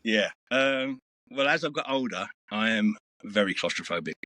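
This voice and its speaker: With no echo on the track, a middle-aged male interview guest speaks at a normal speed in an animated, sharp-toned, fairly low voice. The chat is casual, and he rambles through earthy stories, swearing freely.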